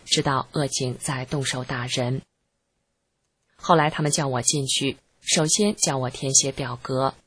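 A narrator with a slightly husky, breathy voice reads a first-person account in a steady, earnest, measured way. The pitch sits in a middling range. The recording is close and dry, with no room sound. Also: no echo. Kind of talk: scripted narration.

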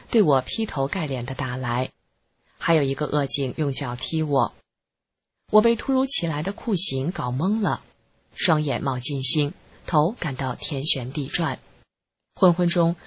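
A narrator reading a first-person account aloud in an earnest, measured way. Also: medium pitch, fairly bright tone, breathy edge. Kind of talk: scripted narration.

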